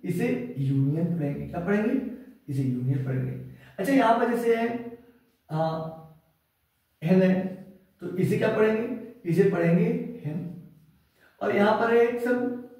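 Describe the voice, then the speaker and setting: A man's voice: high-pitched, lively intonation, a little slow, long pauses, mellow. A man teaching English grammar in a lecture, repeating his questions and answering them himself. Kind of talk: classroom lecture. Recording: echoey room, mic far off.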